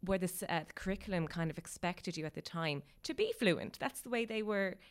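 Lower-voiced woman with west of Ireland accent. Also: lively intonation, a little fast, clear, resonant tone. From Galway, west of Ireland. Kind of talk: casual conversation.

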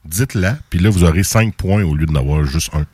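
A man with a Québécois accent hosting a quiz on a radio show, playful and animated. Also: deep voice, a little fast, breathy edge, no echo, clean studio sound. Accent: Québécois French. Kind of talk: casual radio quiz banter.

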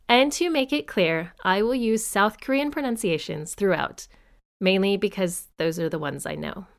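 A woman hosting a podcast in scripted narration with chatty asides, her voice stuffy-nosed and congested from a cold. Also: mid-range voice. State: under the weather with a cold. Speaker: podcast host.

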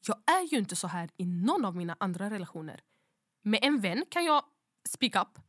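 A woman's voice: mid-range voice, sing-song, slightly rough, no echo, studio quality. A woman co-hosting a podcast, speaking candidly and reflectively about personal matters in casual chat. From Sweden. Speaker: podcast co-host.

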